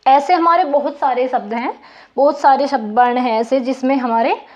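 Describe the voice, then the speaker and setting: A woman's voice: sits high, normal speed, muffled recording. A woman teaching a lesson on Hindi consonants, patiently demonstrating each sound and repeating it for her students.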